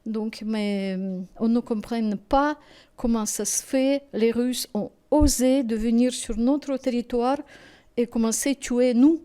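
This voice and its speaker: On a television interview, a tired studio guest speaks the French of a native Russian speaker, with a Ukrainian accent and a mellow, slightly high voice whose tone is clear and resonant. Sleepless and exhausted, she gropes for words, her speech halting and emotional.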